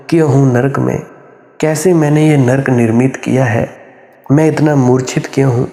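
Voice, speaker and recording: A man with a mellow, dark voice preaching an emphatic spiritual discourse to followers, often scolding them. He sounds as if recorded in a roomy hall, with a long reverb trailing every phrase. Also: mid-range voice. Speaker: spiritual teacher. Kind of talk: Hindi satsang discourse.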